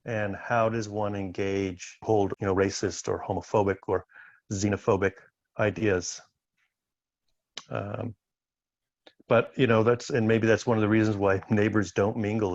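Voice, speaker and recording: A man with a low, flat voice thinks aloud in a group session and often stops to restart his sentences. His voice comes through a dull, lo-fi call. The sound is close and dry. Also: no room sound. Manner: hesitant, halting, with many restarts. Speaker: conference participant. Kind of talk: reflective sharing in a group discussion. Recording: dull lo-fi online call audio.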